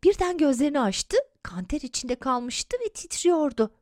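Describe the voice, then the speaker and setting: Woman narrator for a children's picture book; measured, fairly high voice, very dry sound. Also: lively intonation, darkish tone, no room sound. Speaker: audio description narrator. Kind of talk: reading a children's comic book aloud with picture descriptions.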